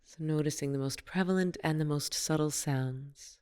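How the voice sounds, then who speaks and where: A woman whose voice sits low leads a guided meditation. She speaks as a teacher would, slowly, soothingly, and with gentle instruction.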